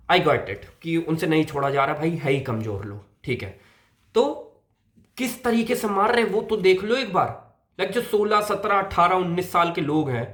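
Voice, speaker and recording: A young man from India giving blunt, casual advice straight to the viewer, mixing English into his talk. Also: a little high. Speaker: men's health creator. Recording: roomy echo.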